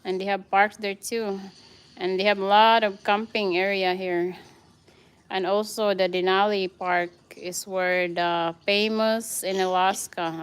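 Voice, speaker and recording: Her mid-range voice is clear and resonant as this Filipino-accented woman gives a relaxed tour of her house. A mother and vlogger from the Philippines, she greets her viewers by name along the way.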